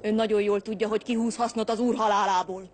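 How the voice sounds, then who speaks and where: A woman's voice: medium pitch, fairly even intonation, darkish tone, slight background noise, close to an everyday voice. An actress dubbing an older woman, the dead man's mother-in-law, in a film, speaking in alarmed, emphatic bursts. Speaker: dubbing actor. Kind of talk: dubbed film acting.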